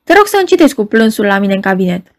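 A woman's voice: medium pitch, very animated. A woman voicing an irritable, arrogant male official who speaks curtly. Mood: irritated. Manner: curt, arrogant.

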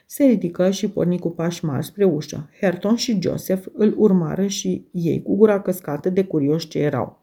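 A woman reading a novel aloud in a steady, measured narration. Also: lowish voice, slightly rough. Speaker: audiobook narrator.

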